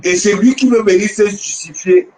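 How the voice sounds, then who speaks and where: A man's voice: high-pitched, moderate pace. A man hosting a casual chat, prodding his guest and chiming in with short agreements.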